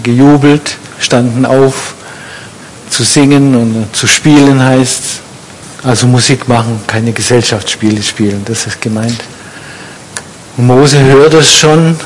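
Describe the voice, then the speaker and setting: Guy preaching real slow, chatty sermon, asks the room stuff, bit of low hum in the recording. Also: low-quality recording. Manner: slow, conversational, asks the congregation questions.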